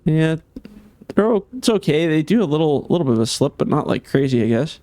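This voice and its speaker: A man giving casual gameplay commentary as a game modder, chatty and thinking aloud with many fillers, slightly hoarse. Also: a little high, very animated, a little fast, dark tone, no echo.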